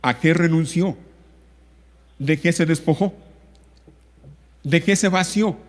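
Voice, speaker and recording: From the pulpit, a pastor with a fairly high voice preaches a sermon, pressing his points through repetition and slow, stretched-out key words. The long reverb of a church hall rings around him.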